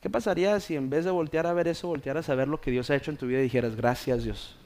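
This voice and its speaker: A pastor from Mexico delivers a sermon in a slightly high man's voice. He starts soft and close, then builds to loud, impassioned preaching. He acts out little scenes with playful voices to make his point. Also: fast.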